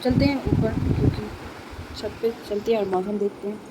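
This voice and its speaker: A woman's voice: mid-range voice, fairly quick, very noisy. A young woman chatting to her viewers in a casual home vlog, filmed on a phone. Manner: chatty, talks straight to viewers. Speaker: vlogger. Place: home and rooftop, indoors and out.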